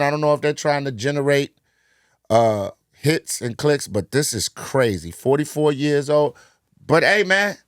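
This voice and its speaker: A man's voice: on the high side, a bit bright, no echo, clean studio sound. Blunt sarcastic man in a sports debate. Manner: blunt, sarcastic, swears, acts out quotes. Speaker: sports podcast co-host.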